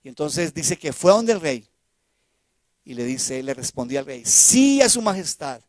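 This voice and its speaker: A man preaching a sermon in church, swinging between loud emphasis and soft asides and asking the congregation questions. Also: medium pitch, expressive, normal speed, dry recording. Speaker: pastor. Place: church sanctuary.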